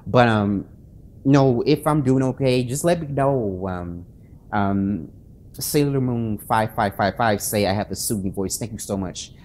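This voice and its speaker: Speaking to camera in the late hours, a man with a lowish voice and darkish tone, who works as an author and channel host, sounds self-conscious and unable to sleep. His casual talk is halting, riddled with restarts and fillers, over slight background noise.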